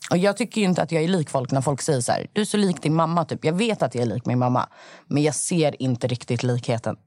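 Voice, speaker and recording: A woman co-hosting a casual podcast, telling stories in a lively way and acting out the voices of the people she quotes. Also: low-pitched, no room sound, clean studio sound. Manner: animated storyteller, acts out quoted voices. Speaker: podcast co-host. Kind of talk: casual chat.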